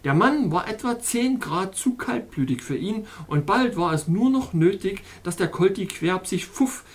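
An audiobook narrator reading a fairy tale in the first person in a measured, expressive way. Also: medium pitch. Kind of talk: scripted storytelling narration.

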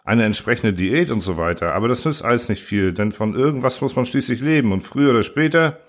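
A man voicing a huge, gentle old male alien in a storybook reading, speaking slowly and sorrowfully. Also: mid-range voice, lively intonation, natural voice. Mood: resigned. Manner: sad, slow and brooding. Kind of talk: audiobook character voice.

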